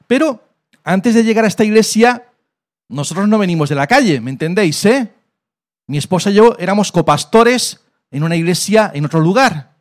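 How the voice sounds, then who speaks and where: In a church hall, a man with a Spain Spanish accent preaches and shares his personal testimony in a high-pitched voice with lively intonation and normal speed. He is emphatic, asking questions and then answering them himself.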